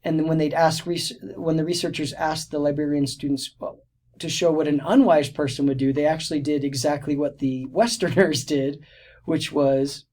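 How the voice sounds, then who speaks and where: This recorded teacher-training lecture is narrated by a man with a fairly high, somewhat mellow voice. As a teacher educator, he keeps a steady explanatory pace while frequently restarting and filling pauses.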